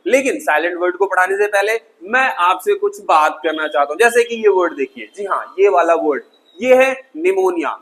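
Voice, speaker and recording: A man gives an energetic video lesson on English pronunciation, working through words on a board. His voice sits high for a man. He hammers points home by repeating words. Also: normal speed, low-quality recording. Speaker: English teacher.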